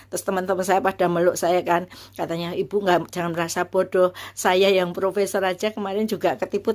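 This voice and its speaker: A woman in her fifties, a university lecturer, telling a personal story in a casual, animated way, many fillers and restarts, acting out the voices she quotes. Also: mid-range voice.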